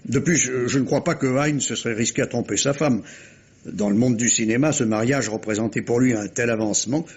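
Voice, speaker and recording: A man voices a patient, methodical police inspector in the style of a 1950s French radio mystery, probing and sometimes hesitant. His husky, darkish voice sits mid-range and moves fairly quickly, with a cautious, explanatory mood. The recording is muffled, like a vintage radio drama.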